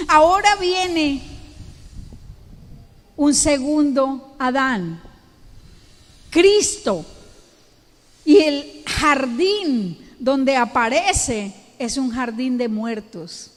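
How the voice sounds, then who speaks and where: A woman pastor with a Colombian accent delivering an emphatic sermon, drawing out words and rising to peaks. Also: sits high. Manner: emphatic, slow, drawn-out preaching with rising peaks. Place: church hall. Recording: long church hall reverb.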